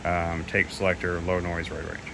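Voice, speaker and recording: A man with a deep voice and a completely flat delivery, speaking at normal speed, demonstrates audio equipment. His casual, unscripted demo is loose and somewhat hesitant, and he readily admits what he doesn't know. The home recording is clearly noisy.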